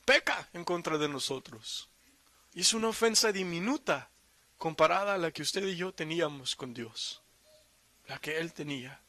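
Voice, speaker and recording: A man's voice: a little high, lively intonation, normal speed, pushed and bright, no room sound. A man preaching a sermon in Spanish, reading scripture aloud and explaining it with emphatic asides and rhetorical questions. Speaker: pastor.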